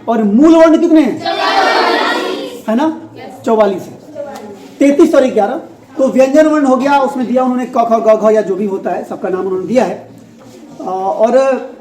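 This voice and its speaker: A woman's voice: high-pitched, warm tone. A woman teacher giving a grammar lesson in a classroom, asking questions, repeating the answers and laughing often. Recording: echoey classroom.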